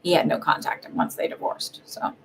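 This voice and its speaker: A woman's voice: normal speed, fairly bright tone, a little hiss or hum, rough recording. A woman doing a live-streamed psychic reading, chatting casually and meandering with many fillers. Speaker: psychic reader.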